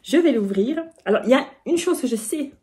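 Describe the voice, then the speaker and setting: A woman vlogging an unboxing in a casual chat, bubbly and excitable, often breaking into giggles. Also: high-pitched, fairly quick.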